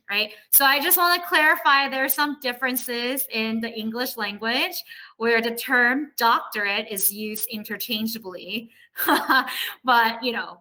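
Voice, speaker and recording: A woman with a higher-pitched, pushed and bright voice comes through poor audio on a video call. As a professor in an online class, she talks to students casually, explaining ideas and often making sure they agree.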